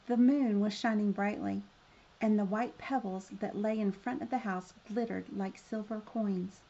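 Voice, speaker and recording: A woman's voice: mid-range voice, fairly even intonation, measured pace, mellow, dull audio. A woman reading a children's story aloud as a storyteller, in the manner of a fairy tale opening.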